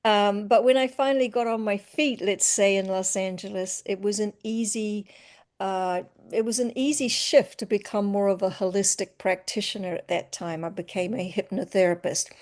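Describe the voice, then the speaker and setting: A woman, a coach talking about her work in a casual interview. She speaks in a relaxed, reflective way and often trails off softly at the ends of phrases. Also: medium pitch, normal speed. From New Zealand. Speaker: empowerment coach.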